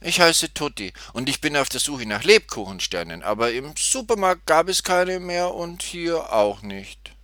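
Male narrator doing a bright, excitable little girl for a storybook; high, bouncy, chirpy. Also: moderate pace, few pauses, no room sound, studio quality. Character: cheerful little girl Tutti. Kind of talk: storybook reading.

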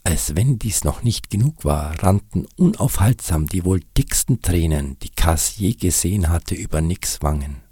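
Deep low guy reading a kids story, husky, dry close sound. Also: expressive, normal speed, few pauses, mellow, no room sound. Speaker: narrator. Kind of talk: storybook narration.

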